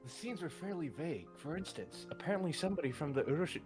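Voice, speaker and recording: High-pitched man reading game dialogue casually. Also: expressive, fast talker, over music. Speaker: let's play co-host reading game dialogue. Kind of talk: casual reading aloud and chat.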